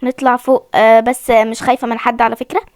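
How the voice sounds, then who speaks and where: A young Egyptian woman hosts a gaming video, chatting with viewers in an Egyptian Arabic accent while she plays a horror game and keeps admitting how scared she is. Her voice is on the high side and level in tone, and she talks fast. The recording is studio quality with no room sound.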